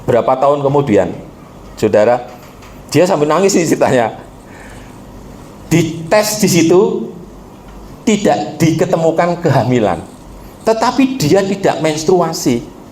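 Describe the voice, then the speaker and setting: A pastor delivers a sermon. He speaks straight to the congregation, dropping low to tell a story and then rising into urgent, pleading calls. Faint ambience sits under the voice. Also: big pitch swings, unhurried, long pauses, darkish tone, a little hiss or hum. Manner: impassioned, swings from low storytelling to high exhortation; addresses the congregation directly.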